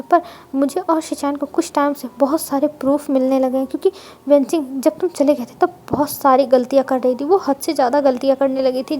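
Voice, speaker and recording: A woman voicing a stern older uncle who explains things in a measured way. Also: high-pitched, mellow, natural voice.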